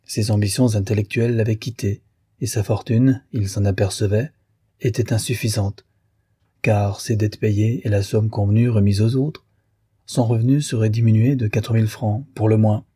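A man narrating an audiobook of a classic novel in a measured, even storytelling manner. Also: on the low side, husky, dry recording, clean studio sound.

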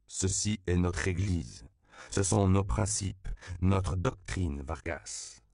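A man's voice: low-pitched, sing-song, fairly quick, creaky, dry recording, clean studio sound, full character voice. A man voicing a stern, rigid older priest who scolds coldly, in an audiobook. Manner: cold, scolding.

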